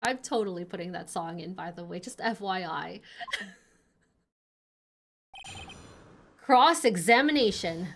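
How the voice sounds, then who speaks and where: A woman's voice: on the low side, unhurried, creaky, long pauses. A woman casually commenting on her video game playthrough, chatty and playful. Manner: chatty and playful, laughs often. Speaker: let's play gamer.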